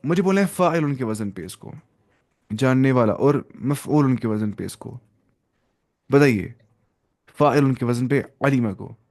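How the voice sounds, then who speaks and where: A man's voice: medium pitch, animated, a little slow, pauses often, a little mellow. A young man teaching an Arabic grammar class to students, explaining each step, asking questions and mixing in English terms.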